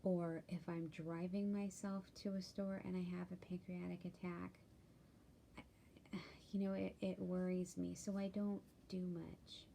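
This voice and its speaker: Woman, sleepy and worried, dark husky tone, low pitch, many ums, personal vlog. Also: flat delivery, unhurried, slight background noise. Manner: tired and worried, soft-spoken, many ums, drifts into whispers. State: sleepy, yawning. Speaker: vlogger sharing a health update. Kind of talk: candid personal vlog update.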